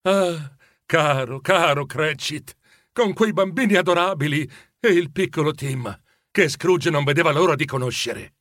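A man narrating a children's storybook in an expressive, animated way. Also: a little high, dry recording, studio quality. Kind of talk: storybook reading.

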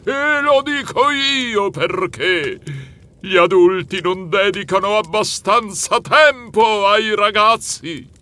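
An actor playing a wise, jolly old Santa Claus who talks warmly and thunders when cross. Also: male voice, big pitch swings, takes it slowly, exaggerated voice. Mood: thundering. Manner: warm booming laugh, thundering when cross. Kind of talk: audiobook character voice.

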